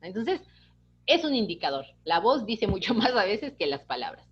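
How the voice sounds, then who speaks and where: A woman's voice: medium pitch, big pitch swings, normal speed, husky, dull audio. Chatty woman teaching online. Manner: chatty, keeps asking "¿no?", acts out quoted dialogue. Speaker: course instructor. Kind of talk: online lecture.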